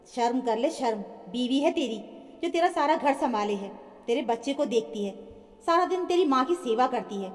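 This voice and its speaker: A woman voicing a stern, protective older mother-in-law who scolds forcefully. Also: on the high side, lively intonation, normal speed, big-room sound, close to an everyday voice.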